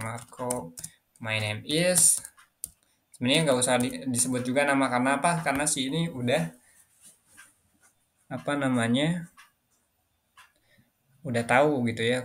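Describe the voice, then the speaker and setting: A man teaching a casual online English lesson, reading example phrases slowly and explaining with many fillers. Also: mid-range voice, a bit bright.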